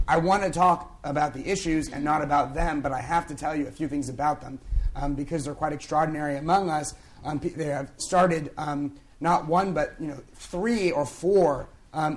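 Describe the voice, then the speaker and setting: A hoarse young man who has lost his voice, opening a conference panel in a conversational way with many fillers. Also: fairly high pitch, fairly even intonation, normal speed. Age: young adult. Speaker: panel moderator. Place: conference event on stage.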